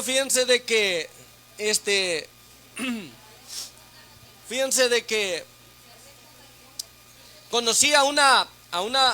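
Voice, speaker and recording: A man preaching as a deacon in a sermon to a church women's meeting, teaching through rhetorical questions and frequent tag questions, going loud on questions and soft on asides. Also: extremely high pitch. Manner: speaks loudly on questions, then drops to a soft aside.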